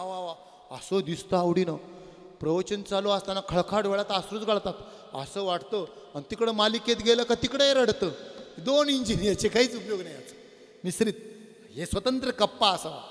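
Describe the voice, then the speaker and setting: High-voiced man preaching in a reverberant hall. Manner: lively storyteller, asks the audience questions. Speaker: religious discourse speaker. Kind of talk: devotional sermon with parables. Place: before a live audience.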